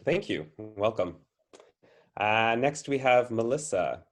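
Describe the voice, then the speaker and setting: A man hosting a webinar over a video call, briskly inviting panelists to introduce themselves. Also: fairly low pitch, expressive. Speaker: host. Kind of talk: moderating introductions.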